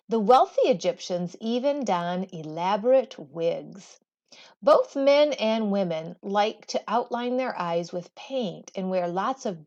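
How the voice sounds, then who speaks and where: A woman teacher reads a textbook aloud to schoolchildren, expressive and deliberate, with storybook phrasing and pauses. Her voice is mid-range, and the high frequencies are cut off.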